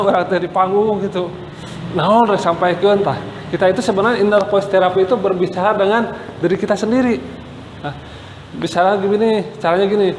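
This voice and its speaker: A man demonstrating public speaking techniques to a class, chatty and coaxing, repeating his phrases. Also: high voice. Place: hall. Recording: echoey hall with faint background noise.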